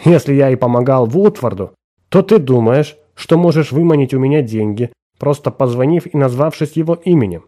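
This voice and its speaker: A man's voice: medium pitch, lively intonation, a little fast, warm tone, lightly acted. A man voicing a suspicious, mocking friend who refuses to believe the caller. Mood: incredulous mockery. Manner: incredulous, sneering.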